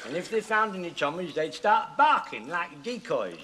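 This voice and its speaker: Chatty old grandad telling war yarns, high lively voice, hissy old tv sound. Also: male voice, normal speed. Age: older. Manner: rambling, joking anecdotes. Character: chatty old male war veteran grandad, cheeky storyteller. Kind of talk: 1970s TV sitcom acting. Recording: hissy 1970s TV sitcom recording.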